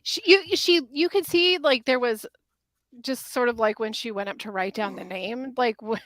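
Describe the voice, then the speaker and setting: A woman's voice: on the high side, normal speed, a bit bright, no echo. A woman co-hosting a casual podcast, chatting about a TV episode and laughing between her thoughts. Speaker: podcast co-host. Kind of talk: casual recap chat.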